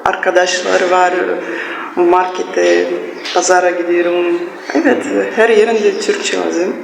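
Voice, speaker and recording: Creaky-voiced foreign woman in simple broken Turkish. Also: lowish voice, flat delivery, takes it slowly. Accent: foreign, non-native Turkish. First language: not Turkish. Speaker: language course student. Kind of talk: on-camera interview answers. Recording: echoey, noisy room.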